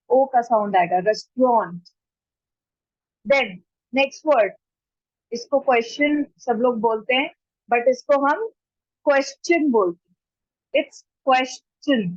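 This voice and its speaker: A woman teaching pronunciation in an online class. She repeats each word slowly and deliberately, mixing Hindi and as she explains. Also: fairly high pitch, no echo, lo-fi sound. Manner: slow, deliberate repetition of words to model pronunciation. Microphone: computer mic during a screen-shared online class.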